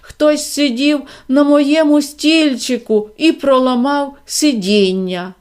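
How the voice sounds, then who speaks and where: A woman's voice: high voice, slow, a little mellow, pitched above the performer's own voice. A woman voicing a tiny whimpering bear cub in a storybook reading, with a thin, piercing little voice.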